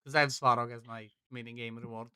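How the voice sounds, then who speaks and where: A man streaming a game and chatting casually, rambling with quick asides. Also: mid-range voice, little pitch movement, sharp tone, smooth, no room sound, clean studio sound. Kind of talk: casual chat while gaming.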